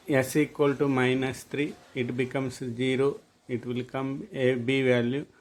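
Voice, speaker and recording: A man with an Indian Telugu accent, a native Telugu speaker, teaching a maths lesson and dictating formulas step by step. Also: mid-range voice. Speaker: mathematics lecturer. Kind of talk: classroom-style maths lesson.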